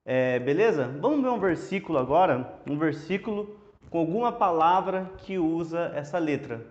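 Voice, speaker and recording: A man with a Brazilian Portuguese accent teaching a casual language lesson at a whiteboard, explaining step by step in a relaxed, chatty way. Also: a little high, moderate pace. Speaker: Hebrew teacher. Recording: dull lo-fi classroom audio.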